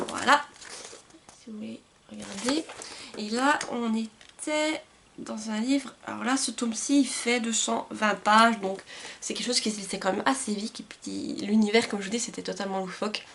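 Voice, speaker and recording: A woman's voice: mid-range voice, slight background noise. A woman book vlogger talking casually and enthusiastically about books she received, with frequent filler words. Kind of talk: casual book haul chat.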